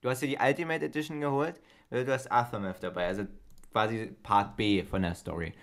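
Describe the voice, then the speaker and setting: A man's voice: mid-range voice, fairly even intonation, fairly quick. Eager young man explaining games. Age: 20s. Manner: eager, explains at length, self-correcting. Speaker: podcast co-host. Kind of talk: casual chat.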